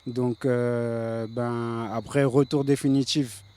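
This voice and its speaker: Slow, smooth, and mellow, this man's medium-pitched voice has a flat delivery. He's a reggae singer in his late thirties from the Paris suburbs, easygoing and filler-heavy in a casual interview.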